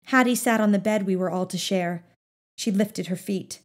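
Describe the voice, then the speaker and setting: A woman narrating a children's novel in the first person with a steady, gently expressive reading. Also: medium pitch, normal speed. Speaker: audiobook narrator.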